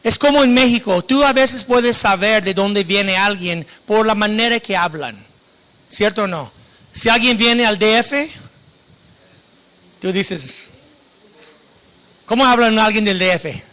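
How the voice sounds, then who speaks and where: A man's voice: high voice, unhurried, sharp tone. A male pastor teaching a sermon in a conversational way, often restarting his words.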